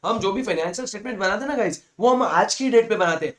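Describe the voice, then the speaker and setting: A man with a slightly high voice teaches accounting, mixing Hindi and English. He reads each definition slowly, then explains it quickly in plain words. He keeps calling his students "guys" and repeats the main points. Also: expressive, a bit bright. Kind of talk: lecture explaining slides.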